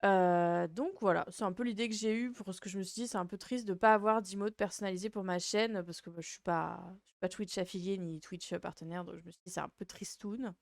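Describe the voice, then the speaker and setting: A woman's voice: mid-range voice, steady tone, brisk, creaky, hardly any pauses, no room sound. A woman hosting a livestream in casual chat, with a cute, playful and rambling, hesitant way of talking. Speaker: VTuber livestream host.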